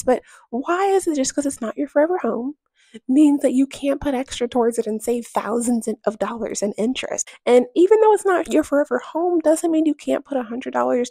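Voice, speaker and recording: While cleaning, a young home vlogger chats in voice-over about her home and money, candid and emphatic, with frequent rhetorical questions. She has a high, slightly mellow voice, and there is no room sound.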